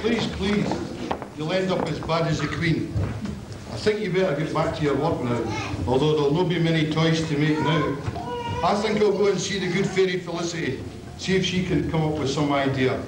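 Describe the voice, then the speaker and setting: A noisy, echoey stage recording of a man playing Santa in pantomime. He is a kindly, downhearted gift-bringer with a fairly high voice and theatrical delivery. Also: moderate pace, close to an everyday voice. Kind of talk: community pantomime stage acting. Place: on stage in a school hall. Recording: noisy, echoey 1980s school hall video.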